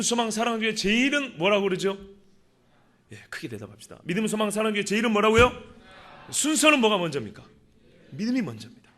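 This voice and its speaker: A man's voice: a little high, bright, forceful tone. A man preaching a fervent sermon as pastor, calling on the congregation to answer amen.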